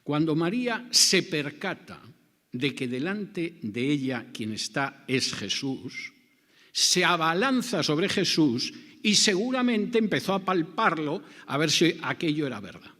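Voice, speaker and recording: A man's voice: on the high side, sing-song, measured pace, bright, forceful tone. A man preaching an expository sermon. He is dramatic and rhetorical and acts out the scripture dialogue. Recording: reverberant hall.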